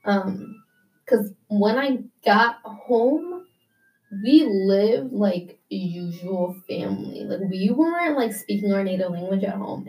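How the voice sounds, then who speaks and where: With a middle-range voice that's a little mellow, a young American woman chats casually in an interview, using lots of "like" and brief restarts. She sounds slightly set back from a distant mic, and the audio quality is poor.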